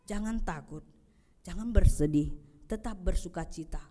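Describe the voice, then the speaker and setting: A woman pastor giving an Easter sermon, swinging between loud calls and soft low passages and asking the congregation questions. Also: moderate pace, a little hiss or hum.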